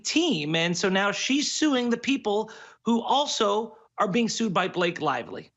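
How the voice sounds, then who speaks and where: A man giving legal analysis in a television news interview, explaining the case in quick, measured commentary. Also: sits high, sing-song, a bit bright, muffled recording.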